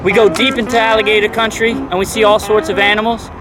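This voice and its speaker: Man, high voice, folksy joking tour-guide patter, loud background music. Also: level tone, fast, rough recording.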